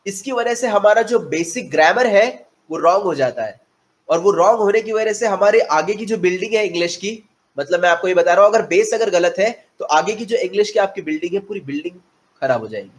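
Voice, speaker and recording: High-voiced man teaching spoken English. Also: expressive. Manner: explains in Hindi with English phrases, spells out letters slowly. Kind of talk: classroom lecture.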